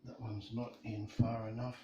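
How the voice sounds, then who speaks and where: A man's voice: lowish voice, flat delivery, normal speed, warm tone. A man casually talking through a woodworking build in his shed, plain-spoken and self-deprecating. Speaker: hobby woodworker. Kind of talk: casual workshop narration. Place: home shed workshop. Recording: dull lo-fi sound with faint noise.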